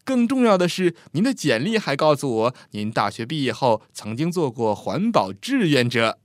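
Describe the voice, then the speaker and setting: A man's voice: mid-range voice, very animated, normal speed, dry recording, studio quality, lightly acted. A man voicing a confident young man who speaks frankly and cheerfully in a told story. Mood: hearty.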